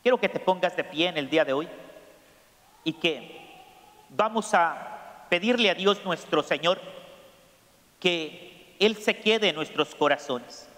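A priest preaching a sermon, slow and emphatic, putting questions to his congregation. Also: fairly high pitch, animated, a bit bright. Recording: echoey church hall.

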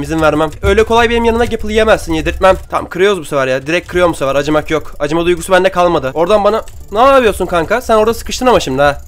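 A young man chats over his own gameplay in a high, bright-sounding voice, firing off words at a quick clip. He keeps up a running patter, taunting opponents and breaking into excited outbursts. Keyboard and mouse clicks sit close to his desk microphone. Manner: chatty, trash-talking opponents, excitable outbursts. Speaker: gaming YouTuber. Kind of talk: casual gameplay commentary.

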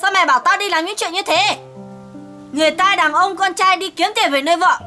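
A woman's voice: very high voice, brisk, sharp tone, faint music behind. A woman playing an indignant young wife in a comedy sketch, scolding and blunt. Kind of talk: amateur comedy sketch acting.

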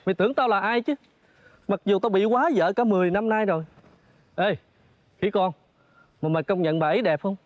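An actor playing a fussy, high-voiced photographer. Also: male voice, a little fast, pauses often, no echo, highs cut off, natural voice. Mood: scolding. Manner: coaxing, scolding, exclaims often. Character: kindly, fussy male photographer, grown man. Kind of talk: reformed opera spoken dialogue.

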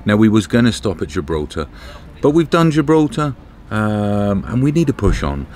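Speaking at a normal speed with big pitch swings, a middle-aged Briton uses a lowish, slightly mellow voice in a casual vlog chat at a campsite. The camera is at arm's length, recording outdoor audio with background noise.

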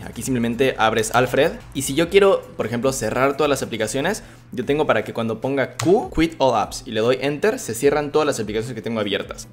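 A young man giving a relaxed, chatty software tutorial, full of fillers and restarts. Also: medium pitch. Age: young adult. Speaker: tech YouTuber.

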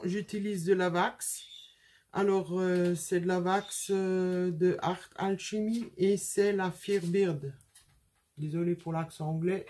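A woman's voice: lowish voice, warm tone. A woman hosting a casual craft tutorial from her home workspace, talking in a chatty way with many hesitations.

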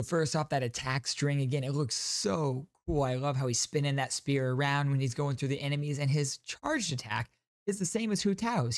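A young adult man hosts a YouTube gaming channel, giving upbeat, enthusiastic reaction commentary from a small indoor streaming room at home. He speaks at medium pitch into a close studio microphone on a boom arm, and the recording is dry.

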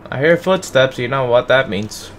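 A man's voice: mid-range voice, moderate pace, a little hiss or hum. A man doing casual let's-play commentary, talking to himself and swearing when the game startles him. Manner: animated, swears and yelps at game scares. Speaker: gameplay streamer.

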